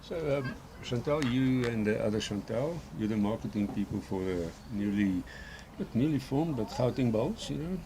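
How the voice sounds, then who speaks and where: A man's voice: medium pitch, expressive, normal speed, hardly any pauses, background noise. A man with a South African Afrikaans accent, giving casual live commentary and asking questions as an interviewer.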